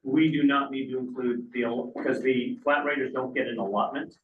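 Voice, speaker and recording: A man's voice: medium pitch, fairly even intonation, fairly quick. A man acting as board chairman, speaking formally and courteously as he runs meeting procedure. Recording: distant, roomy, dull, faint noise.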